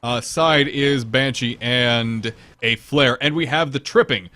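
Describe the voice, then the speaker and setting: A man's voice: medium pitch, slow pace. A man commentating a competitive online game match, explaining tactics and calling the action. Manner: analytical, explains tactics, bursts of excitement at big plays. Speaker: esports commentator.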